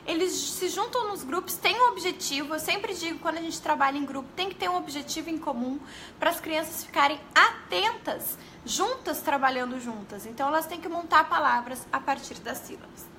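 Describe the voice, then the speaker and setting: Bright-voiced woman teaching live. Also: sits high, lively intonation, fairly quick, a little hiss or hum. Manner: chatty, addresses viewers as "gente", self-corrects often. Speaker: teacher giving a live class. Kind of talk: casual live-stream teaching.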